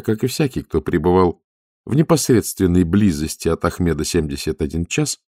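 A man narrating an audiobook in a measured storytelling manner. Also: lowish voice, a little mellow, no room sound, clean studio sound. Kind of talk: scripted narration.

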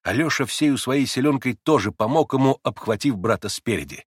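A man reading a novel aloud as an audiobook narrator, with expressive, dramatic delivery. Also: medium pitch, moderate pace, slightly rough, no room sound, studio quality. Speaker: audiobook reader.

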